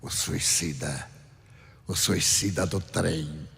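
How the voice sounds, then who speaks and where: A man voicing the ghost of a male suicide, pleading in a hoarse, rough, low voice. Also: fairly even intonation, takes it slowly, fairly bright tone, exaggerated voice. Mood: mournful pleading. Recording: long hall reverb.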